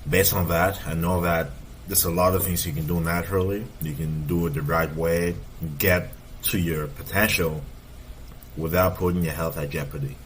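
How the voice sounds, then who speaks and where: A man's voice: low voice, fairly even intonation, moderate pace, slight background noise. A man in his thirties, a fitness coach, giving casual, emphatic reaction commentary and repeating points for stress. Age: 30s.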